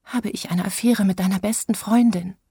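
An eager young girl giving firm directions, as a woman reader acts her out. Her voice is raised and a bit breathy, recorded dry and close for a storybook. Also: mid-range voice, moderate pace, dry recording, voice pushed up. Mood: coaching. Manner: coaching, insistent, animated.

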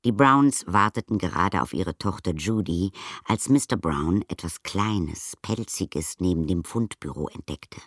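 A woman reading a children's storybook aloud as narrator, with a raspy voice. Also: a bass voice, lively intonation, a little slow, no room sound, studio quality. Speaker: audiobook reader.

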